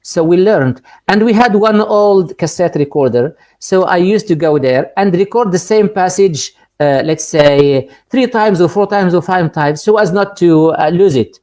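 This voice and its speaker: A middle-aged Moroccan man with a mellow, darker tone speaks to teachers over a video call. He talks earnestly, stumbling and repeating words, then jumps up in pitch to stress key ideas. His Moroccan accent is clear throughout. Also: a little slow, hardly any pauses. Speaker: guest speaker, ELT supervisor. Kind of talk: webinar lecture and Q&A.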